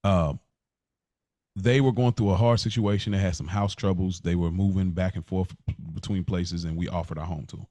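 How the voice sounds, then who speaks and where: With a low-pitched, warm voice and a steady tone, this podcast co-host moves briskly through casual personal stories, often repeating words and restarting phrases. No room sound is audible.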